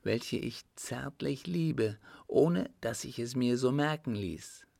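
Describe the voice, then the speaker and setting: A man's voice: expressive, creaky, dry recording, studio quality, heavily acted. A man voicing a wistful older countess. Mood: confiding. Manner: raised pitch, softly confiding, measured. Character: wistful older widowed countess, rich and resolute. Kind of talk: audiobook reading.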